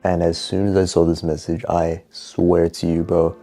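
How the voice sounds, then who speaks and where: Male storyteller, deep and creaky, casual confessional delivery with dramatic emphasis. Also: little pitch movement, moderate pace, mellow, soft background music.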